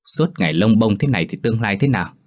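A man's voice: fairly low pitch, expressive, quick pace, darkish tone. A man voicing a stern old village mother who scolds sharply.

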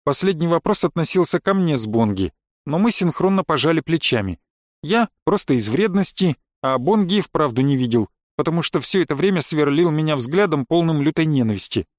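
A man's voice: fairly high pitch, expressive, brisk, no echo. A man narrating a story in the first person, in a dry, mocking manner. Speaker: audiobook narrator.

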